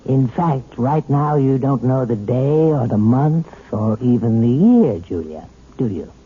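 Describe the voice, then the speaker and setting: An actor playing a calm, authoritative hypnotist doctor in 1970s radio drama, measured and reassuring. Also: male voice, medium pitch, slightly rough, phone-quality sound. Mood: steady, commanding. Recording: thin, faintly noisy old radio broadcast.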